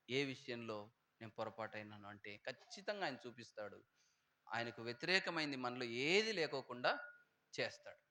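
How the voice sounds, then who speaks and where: Bright-voiced Telugu preacher man. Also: medium pitch. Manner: questioning the congregation, conversational. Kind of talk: sermon.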